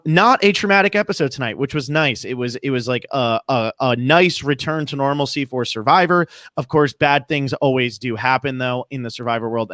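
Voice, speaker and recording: A man with a high-pitched voice hosting a casual, chatty TV recap podcast. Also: a bit bright, dry recording, clean studio sound. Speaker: podcast host.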